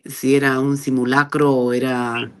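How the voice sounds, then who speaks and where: A woman's voice: a little slow, smooth. A middle-aged woman with an Argentine accent, telling her personal testimony in a conversational way and acting out the dialogue she quotes. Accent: Argentine Spanish. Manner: animated storyteller who acts out quoted dialogue with big pitch jumps. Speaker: guest giving a testimony.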